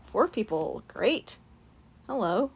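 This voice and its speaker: A woman's voice: medium pitch, very animated, slow pace, gravelly, background noise. A woman who is slightly under the weather with sinus pressure, chatting casually and informally to viewers as she hosts an unscripted livestream. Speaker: livestream host.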